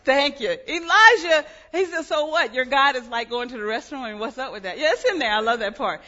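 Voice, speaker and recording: A woman preaching a sermon, telling the story with lively humor and dropping into hushed, quiet passages. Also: high voice, brisk, muffled recording.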